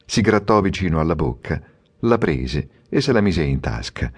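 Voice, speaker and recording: A man narrating an audiobook in a measured, expressive storytelling manner. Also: deep voice, slightly rough. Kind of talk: scripted narration.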